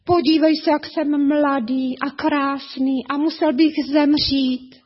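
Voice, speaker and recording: A woman voicing a young male tiger in a storybook tale, pleading in a slow, drawn-out way. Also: high-pitched, fairly even intonation, voice pushed up, lightly acted. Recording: dull lo-fi recording.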